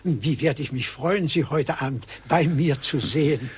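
An actor playing a polite, formal professor at a medieval university, in an old radio play. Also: male voice, a little high, unhurried, breathy edge. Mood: courteous. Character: courteous male medieval professor.

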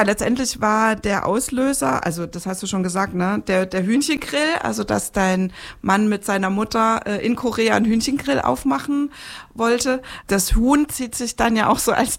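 A woman's voice: medium pitch, creaky. A woman interviewing a guest, prompting her with curious, friendly questions. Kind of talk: interview conversation.

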